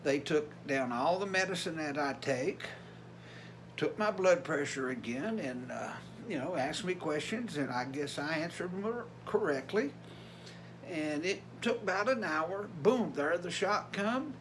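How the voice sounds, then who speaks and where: Older male vlogger, Appalachian Tennessee accent, notably high-pitched voice, folksy and plainspoken, some background noise. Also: lively intonation, a little slow, fairly bright tone. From Tennessee, USA. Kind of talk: casual vlog talk.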